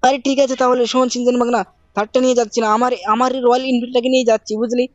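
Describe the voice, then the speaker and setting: A woman gaming host talking at breakneck speed in a fairly high voice, bossing around her sidekicks in a playful uncle role. Her voice is dry and close with no room sound. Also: flat delivery, no echo. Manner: rapid, bossy uncle-style banter. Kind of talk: game role-play commentary.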